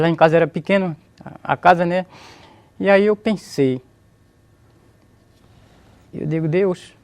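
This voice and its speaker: A man's voice: on the high side, a little mellow. A Brazilian man telling his story of religious conversion, repeating phrases and praising God as he talks. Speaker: interviewee giving a testimony. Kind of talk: emotional religious testimony.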